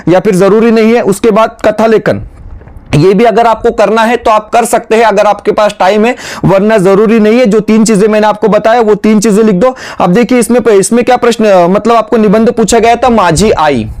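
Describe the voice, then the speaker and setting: A man's voice: high-pitched, a little fast, darkish tone. A man teaching an exam-prep lesson to students, explaining step by step and often slipping in filler phrases.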